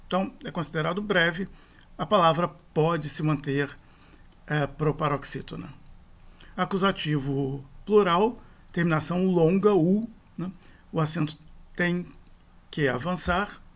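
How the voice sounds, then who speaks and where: A man's voice: a little high, unhurried, long pauses, fairly bright tone. A man, teaching a grammar lesson and spelling out endings and rules step by step.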